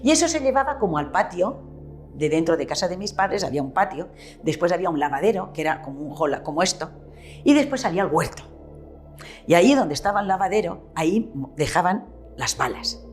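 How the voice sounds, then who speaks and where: A retired shopkeeper in her seventies from Petrer, in eastern Spain, reminisces in an interview about her family's shop, speaking Spanish with a Valencian-tinged accent. An animated storyteller, she acts out remembered dialogue in a fairly low, slightly fast voice over soft background music.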